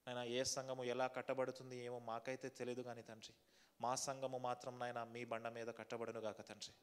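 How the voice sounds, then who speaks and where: A man's voice: mid-range voice, flat delivery, brisk, clear, resonant tone, in a large hall. A man pastor preaching a sermon, asking the congregation questions and leading a fervent prayer. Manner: repetitive fervent prayer cadence. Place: church hall.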